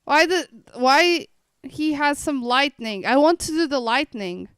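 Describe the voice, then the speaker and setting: Playing a game live, a woman streamer talks casually and playfully to her audience in a high, expressive voice that's a little slow and a bit bright. There's no room sound; the close mic is dry, with faint music in the background.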